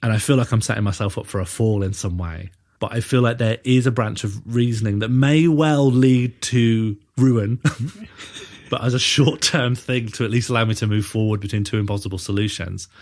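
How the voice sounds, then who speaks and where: A man talking his way through a tricky scenario on a comedy podcast, stopping and restarting as he thinks. His voice sits on the low side. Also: normal speed, darkish tone. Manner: thinks aloud, hesitant with restarts and fillers. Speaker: podcast co-host playing prime minister. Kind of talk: improvised comedy podcast chat.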